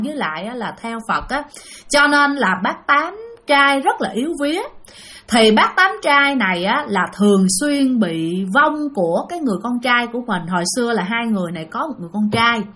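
A woman with a Southern Vietnamese accent telling a ghost story in a chatty, animated way, often addressing her listeners. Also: on the high side.

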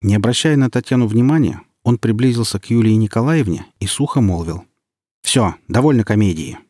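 Low-voiced guy reading an audiobook, really animated delivery, bit husky. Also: brisk, dry recording, clean studio sound. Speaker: audiobook narrator. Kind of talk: audiobook narration.

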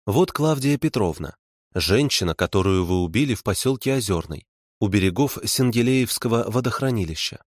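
A man voicing a calm woman investigator who lays out facts softly and pointedly. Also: lowish voice, moderate pace, dry recording, clean studio sound.

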